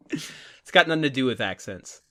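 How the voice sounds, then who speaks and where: Male podcast co-host, bright voice with a lively swing, teasing and quick to laugh. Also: mid-range voice. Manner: teasing, laughs often, quick back-channel replies. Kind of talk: casual rewatch podcast chat.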